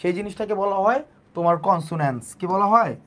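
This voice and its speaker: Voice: mid-range voice, lively intonation, fast. An English teacher, giving a live online class. The teacher repeats sounds over and over and asks and answers their own questions.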